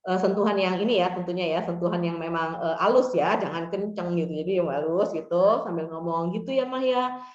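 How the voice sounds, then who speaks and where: A woman's voice: fairly low pitch, fairly even intonation, brisk, few pauses, darkish tone. A woman counselor speaks in a casual, conversational way. She gives practical advice and slips into short acted-out exchanges. The recording is lo-fi and roomy, with a muffled, echoing sound. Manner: conversational, acts out example dialogues. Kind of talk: workshop talk giving advice.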